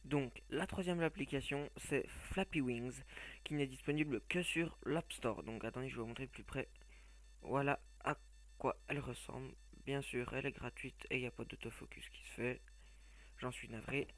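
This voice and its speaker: A man's voice: medium pitch, moderate pace, a bit bright. A man reviewing phone game apps in a casual, hesitant voice-over, with blunt opinions, frequent fillers and restarts. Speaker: app reviewer.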